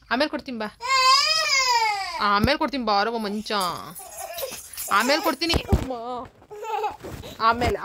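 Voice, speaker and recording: A woman with a Kannada accent and a high voice talks to a small child at home. She coaxes and pleads in a sing-song, babyish way. A faint household hum sits behind her. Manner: coaxing, sing-song baby talk. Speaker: vlogger parent. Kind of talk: casual talk with a toddler.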